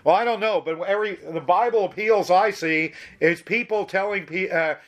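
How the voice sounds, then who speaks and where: A man's voice: high-pitched, moderate pace, fairly bright tone. A man preaching a sermon, reading Bible verses aloud and explaining them in an emphatic, conversational way with frequent restarts.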